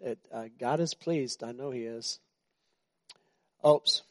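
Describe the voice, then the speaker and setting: Slow and a bit bright, this mid-range male voice belongs to a pastor in his sixties, heard with no echo. He chats informally through his sermon, teasing the congregation and restarting sentences often.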